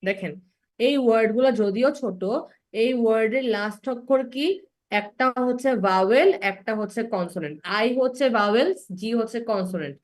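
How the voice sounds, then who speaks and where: A young woman teaching an English grammar class online, patiently explaining and slowing down to spell out example words. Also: on the high side.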